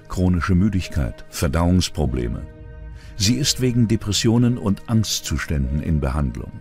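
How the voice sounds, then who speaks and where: Over faint music, a man narrates a true-crime documentary in a low voice. He delivers it dramatically and with suspense, his pitch swinging in a lively way.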